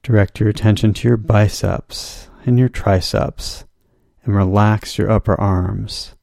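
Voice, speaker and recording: A man leading a guided progressive muscle relaxation, speaking in slow, soothing, drawn-out instructions. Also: fairly low pitch, fairly even intonation, gravelly, warm tone, no room sound, clean studio sound.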